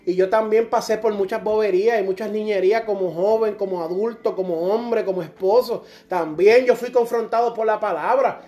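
A man's voice: high-pitched, moderate pace, hardly any pauses, dark tone. A middle-aged man preaching a sermon, fervent and direct, now and then acting out churchgoers in dialogue. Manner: impassioned, acts out church members in dialogue.

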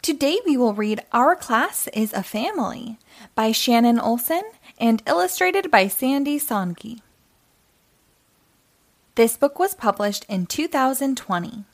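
A woman hosting a children's story time, reading a picture book aloud in a simple, measured way for young listeners. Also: fairly high pitch, expressive. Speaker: host of a children's read-aloud show.

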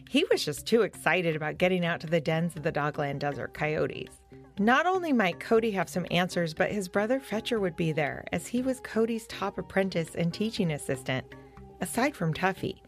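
A woman with a somewhat low voice reads a children's adventure story aloud, gently and expressively. Soft music plays faintly behind her. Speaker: narrator.

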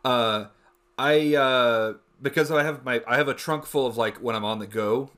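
A man's voice: medium pitch, normal speed, a bit bright. A man hosting a casual comedy podcast, swearing and joking in rambling group banter. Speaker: podcast host.

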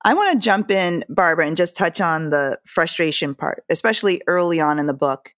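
A woman's voice: on the low side, animated, a little fast, fairly bright tone, no echo, studio quality. A woman in a casual book discussion, speaking emphatically and quoting characters in a raised voice. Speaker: book club member.

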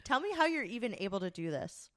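A woman's voice: medium pitch, big pitch swings, fast, a bit bright, dry recording, studio quality. A young adult woman co-hosting a podcast, chatting casually, swearing and laughing often. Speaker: podcast co-host. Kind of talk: casual chat.

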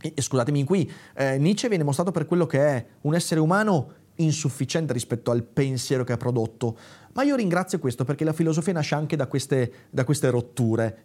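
A man hosts a philosophy video lecture, addressing viewers directly and correcting himself aloud as he goes. He reads a passage dramatically, raising his voice at the cries, in a fairly high, darkish voice.

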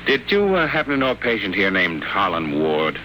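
An actor playing a bold detective posing as a patient, brisk, probing and wisecracking, in 1940s radio acting style. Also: male voice, low voice, huge pitch swings, pushed and bright, full character voice. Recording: noisy old radio recording.

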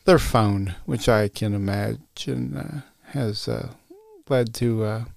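A man's voice: on the low side, slow, gravelly, a little mellow, no room sound. A man hosting a solo podcast, chatting casually with lots of uhs and restarts. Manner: casual, many fillers and restarts. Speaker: podcast host.

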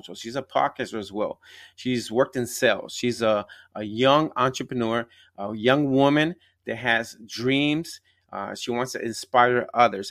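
In a studio-quality recording with no room sound, a live interview podcast host speaks with a medium-pitched, slightly bright voice. His manner is enthusiastic, emphatic, and repetitive, with frequent "right?" tags to check in.

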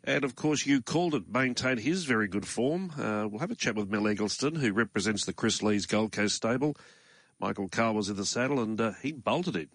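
A man with an Australian accent hosting a morning racing talk show from a studio in a measured, conversational way. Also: fairly low pitch, expressive, fairly bright tone, no echo. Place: radio studio.

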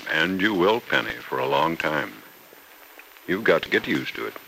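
An actor in his sixties playing a kindly, fatherly older man who speaks gently and reassuringly, in 1940s radio acting style. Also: low-pitched, animated, moderate pace, vocal fry, slight background noise, full character voice, low-quality recording. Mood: consoling. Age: 60s.

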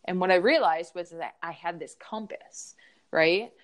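A woman's voice: lowish voice, measured pace. A woman, a yoga teacher, telling a personal story frankly and with feeling, using many fillers.

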